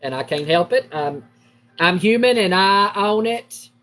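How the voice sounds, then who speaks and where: A middle-aged woman, chatting casually with livestream viewers while she crafts and telling family stories in a lively, animated way. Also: a little slow. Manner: lively, acts out quoted family members with big pitch jumps.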